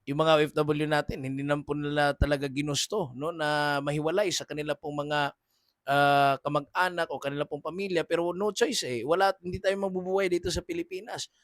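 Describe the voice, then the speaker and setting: A man's voice: on the high side, fairly bright tone, dry recording, studio quality. A man hosting a political commentary monologue, earnest and polite, who keeps addressing his listeners directly.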